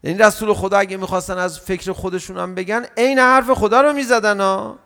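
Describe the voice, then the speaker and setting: A man giving a sermon as a religious lecturer, lively and acting out quoted speech, chanting verses slowly. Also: sits high, creaky, clear, resonant tone, big-room sound. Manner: slow drawn-out chanting of verses.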